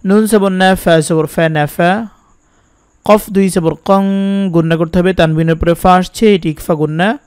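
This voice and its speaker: A man teaching Quran reading who spells out each letter and vowel slowly, then explains the pronunciation rules. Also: sits high, fairly even intonation, a little mellow, clear, resonant tone, dry recording, studio quality.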